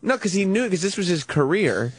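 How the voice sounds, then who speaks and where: A man in his thirties, a regular on a talk-radio show, telling animated anecdotes and often laughing. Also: high voice, brisk, slightly rough, no room sound, studio quality. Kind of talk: casual talk-radio storytelling.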